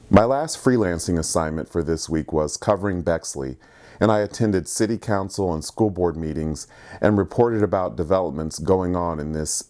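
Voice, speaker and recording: A man from Columbus, Ohio, a journalist, narrating a scripted personal story in a measured, reflective way. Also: sits low, a little mellow. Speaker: journalist and filmmaker.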